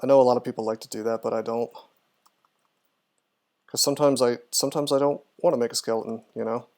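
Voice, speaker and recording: A man casually commentates on his live game stream at a fast clip, thinking aloud through his moves and answering chat. His medium-pitched voice is slightly mellow, with fairly even intonation.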